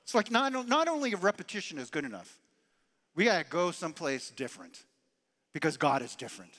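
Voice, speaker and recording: A man preaching a sermon as pastor, emphatic and animated, sometimes dropping his voice very low and soft. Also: brisk, big-room sound. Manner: animated, emphatic preaching with dramatic drops to quiet.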